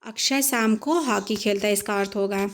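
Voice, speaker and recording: This mid-range voice belongs to a young woman running an English lesson in Hindi. She spells words out letter by letter and reads the English sentences at a very slow pace.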